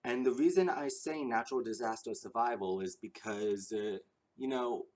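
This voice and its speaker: A young man with a medium-pitched, darkish voice answers viewer questions in a casual chat, speaking at normal speed. Earnest and eager, he rambles with ums and restarts, sounding slightly out of breath.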